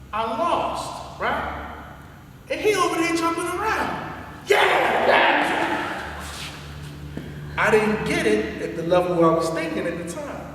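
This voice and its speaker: A man, a former police officer and karate student, telling a lively story and acting out the voices of the people in it. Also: sits high. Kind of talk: animated storytelling. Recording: echoey hall, distant mic, noisy.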